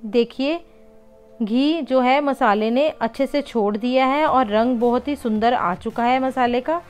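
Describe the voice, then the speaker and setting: High, smooth-voiced woman cooking host. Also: a little slow, faint music behind. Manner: patient, explains each step, often addresses viewers as friends. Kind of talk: step-by-step recipe voice-over.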